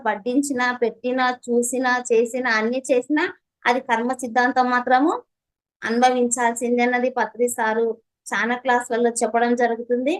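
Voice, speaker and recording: A woman's voice: on the high side, poor audio. A woman with a Telangana Telugu accent, earnestly sharing her meditation experience with an interviewer in a fervent, preachy way. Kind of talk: personal testimony to an interviewer.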